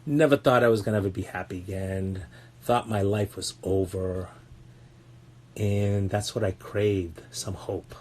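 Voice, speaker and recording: A man's voice: lowish voice, steady tone, unhurried, a little mellow. A man talking as a parenting coach on a casual podcast, blunt and earnest, swearing often and repeating words as he searches for them.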